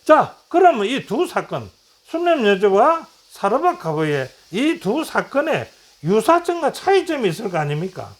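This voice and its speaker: A man's voice: high voice, big pitch swings, unhurried. A middle-aged man teaching a Bible lesson, retelling stories and acting out quoted lines, asking and answering his own questions.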